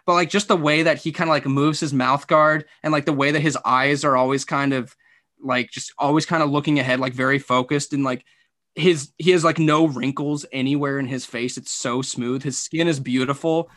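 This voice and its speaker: A man's voice: medium pitch, fairly even intonation, normal speed, a bit bright. A man hosting a casual sports podcast, rambling with lots of "like". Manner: rambling, heavy use of "like". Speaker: podcast host.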